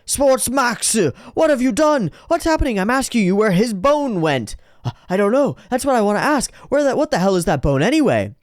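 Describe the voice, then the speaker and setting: A man voicing a frantic male prisoner in a manga reading, with a squeaky, panicky manner. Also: big pitch swings, fast talker, hardly any pauses, no room sound, clean studio sound. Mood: panicked.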